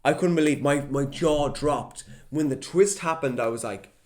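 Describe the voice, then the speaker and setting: A young man hosting his own podcast in a casual solo chat, lively and chatty, slipping into quick mock voices. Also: on the high side. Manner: chatty, animated, drops into mock impressions. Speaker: podcast host.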